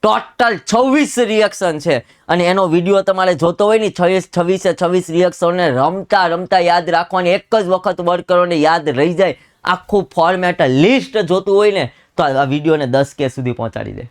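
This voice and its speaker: Man, Gujarati accent, fairly high voice, smooth and clear, pep-talk lecturing, scolding, repetitive emphasis. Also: a little fast. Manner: exhorting, scolding students, repeats phrases for emphasis. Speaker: chemistry teacher. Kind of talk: energetic exam-prep lecture.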